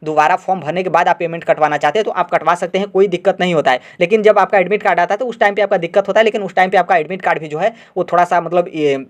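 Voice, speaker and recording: A man with a rather high voice rattles through an explanatory exam-update talk at a brisk clip. He speaks straight to his viewers, circling back over points and padding his sentences with fillers. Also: steady tone. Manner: rapid, repetitive filler-heavy explaining, addresses viewers directly. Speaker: exam-update video host.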